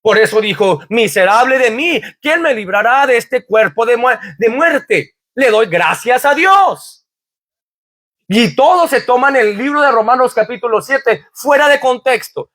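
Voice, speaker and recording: A man's voice: very high voice, lively intonation, unhurried, pushed and bright. A man preaching a sermon in a church as pastor, quoting scripture fervently and asking the congregation rhetorical questions.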